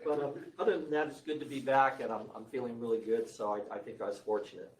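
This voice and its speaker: A man chairing a school board meeting, his voice raspy after surgery, joking and casual. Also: mid-range voice, quick pace. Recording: echoey room, distant mic, faint noise.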